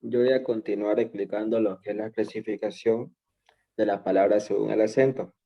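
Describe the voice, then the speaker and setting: A man's voice: fairly low pitch, fairly even intonation, moderate pace. Muffled man student listing examples. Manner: lists examples in a reading tone. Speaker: student presenter. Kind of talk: class presentation. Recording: muffled lo-fi audio.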